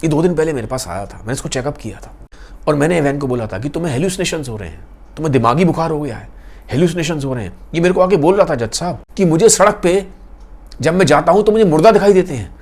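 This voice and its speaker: A man's voice: fairly high pitch, lively intonation, fast, darkish tone. A man playing an earnest testifying doctor. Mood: emphatic. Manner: explaining, emphatic.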